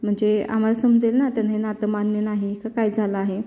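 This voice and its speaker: Woman doing a polite young guy asking stuff, flat voice, reverb. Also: mid-range voice, brisk, close to an everyday voice. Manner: courteous, questioning. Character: polite, inquiring young man. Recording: long reverb.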